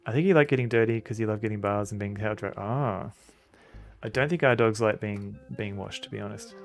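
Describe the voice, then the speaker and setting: Casual male game streamer with creaky voice. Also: lowish voice, a little fast, soft background music. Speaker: streamer playing a retro adventure game. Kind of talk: casual live-stream chat.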